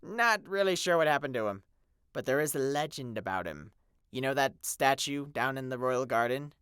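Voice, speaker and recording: A woman's voice: very deep voice, lively intonation, moderate pace, fairly bright tone, smooth, no room sound, clean studio sound, pitched below the performer's own voice. A woman voicing a regal, ancient female pony ruler who is teasing and laid-back in a fan-made cartoon parody. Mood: wry.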